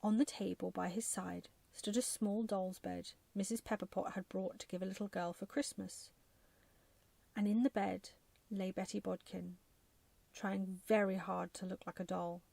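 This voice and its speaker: A woman narrates a children's bedtime story in soft ASMR style. Her delivery is gentle and measured, with noticeable creak. The sound is close and dry. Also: mid-range voice, fairly even intonation, no echo.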